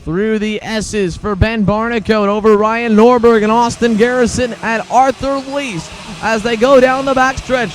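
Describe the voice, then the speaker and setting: A man commentating live on a kart race, calling the action play-by-play in an excitable, urgent manner. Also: very high voice, a little slow, a little hiss or hum. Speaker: motorsport commentator.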